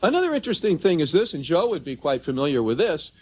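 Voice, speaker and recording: A man with a slightly high, mellow, somewhat rough voice speaks fast with big pitch swings, addressing a seminar audience. He is persuasive and emphatic, telling anecdotes and posing rhetorical questions. It was captured on a dull, lo-fi seminar tape.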